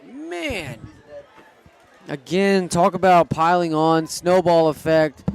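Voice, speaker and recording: A man's voice: fairly high pitch, a little slow. A man doing live play-by-play commentary on a school football game, eager and groaning when plays go wrong. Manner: eager, pleads with referees, groans at setbacks.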